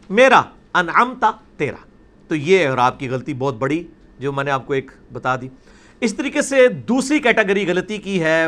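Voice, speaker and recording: A middle-aged man teaches a religious class at a blackboard in an indoor lecture room, patiently explaining and asking the audience questions. He has a high-pitched voice with a fairly bright tone.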